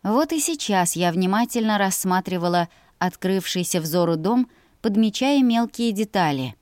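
A woman reading a first-person fantasy audiobook in a lively, expressive way. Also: medium pitch, normal speed, no room sound, clean studio sound. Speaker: audiobook narrator. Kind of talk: scripted first-person narration.

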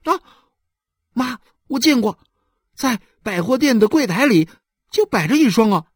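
A chirpy eight-year-old boy, as a male storyteller does him, pitched high and bouncing with eagerness. He chats along like a little gossip, with a dry, close sound. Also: very animated, a little slow, slightly rough, no room sound, full character voice. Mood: eager.

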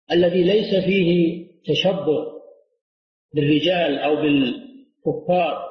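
A man, a religious scholar, answering questions in a lecture, measured and repeating key phrases for emphasis. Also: a little high. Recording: roomy lo-fi lecture recording.

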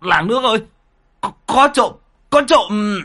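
A man voicing a tipsy old villager who stammers and yells in alarm. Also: on the high side, very animated, a little slow, husky, no echo, studio quality, voice pushed up, exaggerated voice. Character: tipsy old man shouting about a thief.

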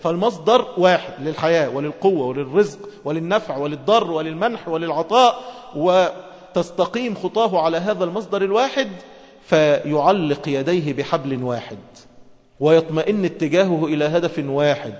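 A man with an Egyptian accent giving a religious lesson. He talks in a lively way and moves between everyday speech and formal reading. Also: on the high side, a little fast. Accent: Egyptian Arabic. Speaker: preacher. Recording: long hall reverb.

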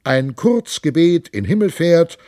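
A man voicing a jovial, hard-drinking monk in an audiobook, loud and hearty with a raised voice. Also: big pitch swings, a little slow, dry recording, clean studio sound. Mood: boisterous. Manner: loud, hearty, high-pitched boisterous delivery. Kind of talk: audiobook character voice.

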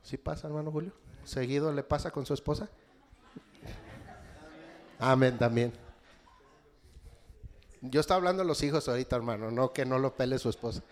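A middle-aged man with a Mexican accent preaching a sermon, animated and constantly addressing the congregation as brothers. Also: medium pitch, moderate pace, long pauses. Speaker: pastor.

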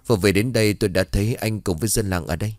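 A man's voice: fast, a little mellow, dry recording, clean studio sound, natural voice. A man voicing a grieving young widow who pleads tearfully. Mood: tearful, anxious. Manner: pleading, tearful, high-pitched when wailing. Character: grieving young widowed woman, anxious daughter-in-law.

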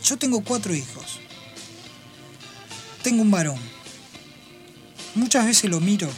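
A woman's voice: medium pitch, expressive, soft background music. Woman radio host retelling Bible stories. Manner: explanatory, storytelling, with pauses and restarts.

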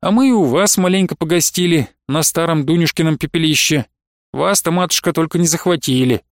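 A man's voice: a little high, dry recording, clean studio sound, lightly acted. A man reading a kindly middle-aged merchant. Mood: consoling. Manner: warm-hearted, consoling, unhurried.

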